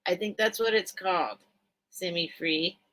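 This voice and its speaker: A woman's voice: on the low side, moderate pace, a bit bright, poor audio. A woman hosting a casual livestream sale of vintage items, thinking aloud and chatting in a rambling way. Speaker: online seller, host of live sales. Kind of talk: casual livestream sales chat.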